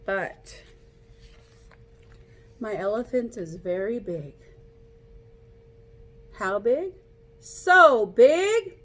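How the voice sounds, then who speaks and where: Reading very slowly with long pauses, a woman whose voice is on the high side shares a picture book with children. She sounds like a teacher, animated and playful, inviting the young listeners to take part.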